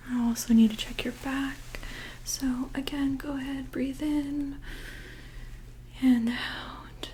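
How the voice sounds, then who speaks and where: Gentle, calm woman in soft whispered role-play. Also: high voice, a little hiss or hum, poor audio. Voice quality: soft, breathy, often whispered. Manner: gentle, calm, reassuring nurse-like bedside manner. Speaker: ASMR performer playing a medical examiner. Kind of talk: whispered role-play, soft-spoken ASMR medical exam.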